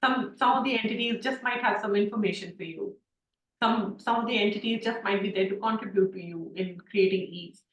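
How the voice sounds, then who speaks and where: Over a roomy video call, a woman facilitating an online class tells stories in a chatty way, her speech packed with fillers. Her voice is medium-pitched, a little bright, and fairly quick, and she sits far from the mic.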